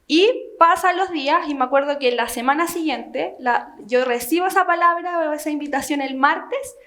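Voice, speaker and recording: A young woman telling her personal testimony to a church group, earnest and halting, with frequent fillers. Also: high voice, a bit bright. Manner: earnest storytelling with many fillers. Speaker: church member giving testimony.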